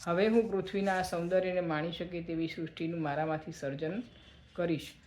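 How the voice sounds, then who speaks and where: A man voicing a mighty male creator god who is commanding and quick to anger, speaking in a solemn, declaiming way. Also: a little high, fairly even intonation, a little mellow, close to an everyday voice. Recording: echoey room.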